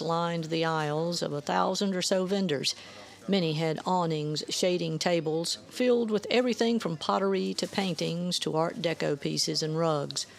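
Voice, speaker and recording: A woman author narrating her own story in a measured, even reading. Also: lowish voice, creaky.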